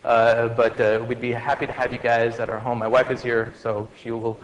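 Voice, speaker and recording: A man's voice: medium pitch, little pitch movement, normal speed, muffled recording, slight background noise. A man in his forties giving a farewell lecture to medical students, conversational and joking, with many fillers and restarts. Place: lecture hall. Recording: reverberant lecture hall with faint ambience.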